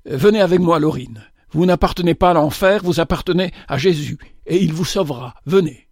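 A man's voice: sits high, expressive, normal speed, darkish tone, dry recording, clean studio sound, pitched above the performer's own voice. A man voicing a young lady in an audiobook, speaking firmly and earnestly. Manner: firm and earnest. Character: firm, compassionate young lady rescuer. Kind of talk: audiobook reading.

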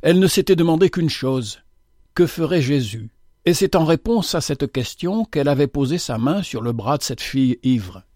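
A man narrates an audiobook in a measured way, with only rare hesitations. His voice sits a bit high for a man. The recording is dry and close. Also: animated, a little mellow, dry recording. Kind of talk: audiobook reading.

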